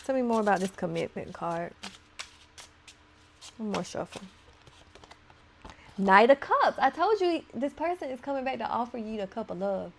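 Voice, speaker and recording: Gravelly-voiced woman doing a chatty tarot reading. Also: a little high, lively intonation, normal speed, pauses often, slight background noise. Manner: chatty and playful, laughing between points. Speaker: tarot reader. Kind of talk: casual tarot card reading to viewers.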